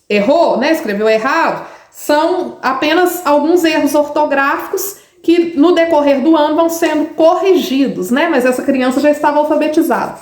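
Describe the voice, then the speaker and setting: A Brazilian woman, a literacy teacher, patiently explaining her pupils' writing samples and checking in with the listener as she goes. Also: sits high. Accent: Brazilian Portuguese. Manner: patient, explanatory, frequent tag questions. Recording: echoey room.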